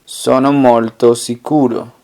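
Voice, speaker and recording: A man guides a language lesson at a slow, deliberate pace, posing short phrases and then repeating each answer twice. His voice sits at an ordinary middle pitch. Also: little pitch movement, warm tone. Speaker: language teacher.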